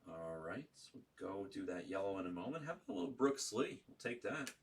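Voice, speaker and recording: A man's voice: lowish voice, big pitch swings, brisk, creaky. A man working as a card break host, giving casual running commentary and calling out names and serial numbers in short bursts. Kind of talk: casual running commentary while opening trading cards. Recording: distant mic with faint background noise.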